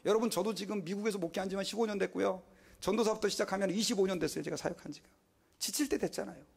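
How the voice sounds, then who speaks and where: A man in his fifties, a pastor preaching a sermon with emphatic, animated delivery, rhetorical questions and acted-out quotes. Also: high-pitched, racing, gravelly, breathy edge.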